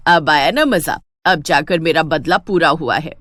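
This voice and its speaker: A woman voicing a proud, jealous middle-aged mother-in-law in a cartoon story, scolding and shrill when angry. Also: unhurried, a bit bright, dry recording, studio quality. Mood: gloating.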